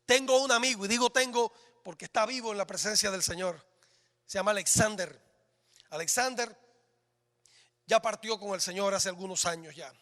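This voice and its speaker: A male pastor preaching a sermon in a church, dramatic, swinging between loud exclamations and hushed lines. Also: high-pitched, normal speed, long pauses. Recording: reverberant church hall.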